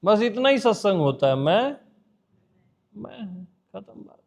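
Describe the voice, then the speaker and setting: Man teaching a spiritual gathering, slow and chatty, highish voice, keeps repeating words and quizzing folks. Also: very animated, gravelly. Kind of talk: informal satsang discourse.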